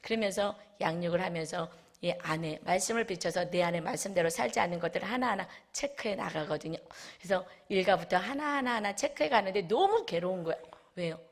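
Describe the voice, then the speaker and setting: A woman pastor preaching a sermon, speaking emphatically and swinging between loud exclamations and soft, hushed asides. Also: on the low side, lively intonation, fairly quick.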